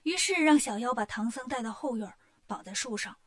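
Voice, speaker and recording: A woman telling a story for children with a lively, expressive delivery. Her voice sits a little high and she leans into the exciting moments. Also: fairly quick.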